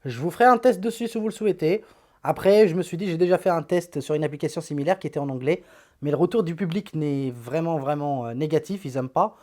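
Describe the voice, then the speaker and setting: A man's voice: fairly high pitch, fast talker, a little mellow. A tech YouTuber walking through the apps on his phone in a chatty, blunt, slangy way, often repeating words. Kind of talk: casual phone app walkthrough.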